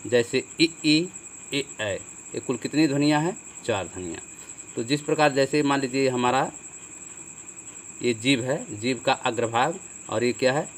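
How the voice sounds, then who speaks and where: A man with a medium-pitched voice, carrying a slight hiss or hum, teaches Hindi grammar as a classroom lesson. He explains step by step, poses questions and answers them himself, and keeps repeating "ठीक है" along with rhetorical questions.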